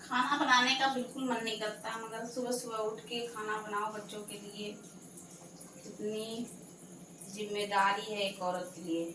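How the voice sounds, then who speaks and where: A woman's voice: medium pitch, flat delivery, unhurried, background noise. A woman in her thirties narrating a casual cooking vlog from her home kitchen, chatty and scolding her children in between. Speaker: cooking vlogger and mother.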